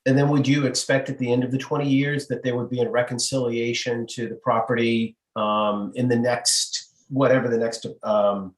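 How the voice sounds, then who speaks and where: A man's voice: medium pitch, little pitch movement. Polite man questioning in an echoey room. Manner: measured, polite, with restarts. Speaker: board member asking questions. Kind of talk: public meeting questions.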